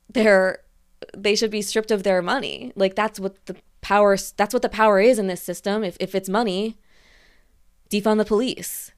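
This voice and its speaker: A young woman holds a casual, rambling rant, frustrated and a little out of breath, laughing between her points. Her voice is smooth and clear, pitched at a middling height. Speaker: freelancer venting on camera.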